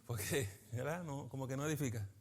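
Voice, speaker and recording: Lively preacher man. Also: mid-range voice, a little fast, a little hiss or hum. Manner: lively preaching, asks the listeners for agreement. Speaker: pastor teaching a Bible study. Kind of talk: Bible study teaching. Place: church meeting in a school building.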